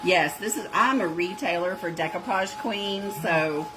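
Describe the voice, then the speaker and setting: Demonstrating a craft on her livestream, this middle-aged shop owner and video host chats in a drawling North Georgia Southern accent, sprinkling in "y'all" and "girl." She speaks at a measured pace in a fairly low voice, with music in the background and poor audio quality.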